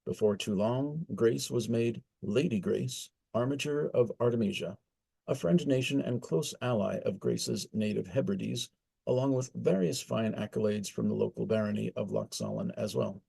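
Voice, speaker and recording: A man telling a historical persona's backstory in formal storytelling narration, with measured, old-fashioned courtly phrasing. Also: medium pitch, lively intonation, gravelly, dark tone, slightly rough. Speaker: storyteller recounting his historical reenactment persona.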